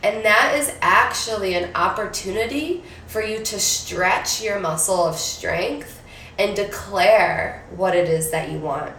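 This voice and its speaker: A woman's voice: mid-range voice, a little slow, fairly bright tone, echoey room, far from the mic, slight background noise. A woman coaching on manifestation in a casual live stream, chatty and upbeat with casual swearing, her voice nasal from a cold.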